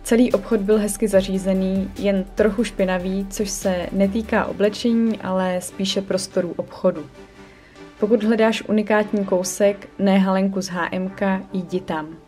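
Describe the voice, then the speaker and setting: A woman's voice: medium pitch, fairly even intonation, warm tone. A young woman, a vlogger and shop owner, giving an upbeat, chatty scripted voice-over review. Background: faint background music.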